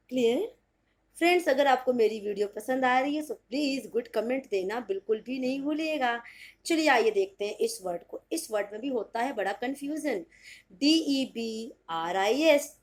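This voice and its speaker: A woman with an Indian accent teaching English pronunciation in Hindi, spelling words out letter by letter, repeating them and asking if it is clear. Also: on the high side, a little mellow. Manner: checks understanding with "clear?".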